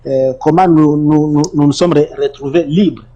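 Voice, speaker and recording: A man's voice: on the high side, steady tone, normal speed, warm tone, muffled recording. A middle-aged man from Congo, giving emphatic testimony in an interview and often repeating his words. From Congo (DRC). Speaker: interview guest, former detainee.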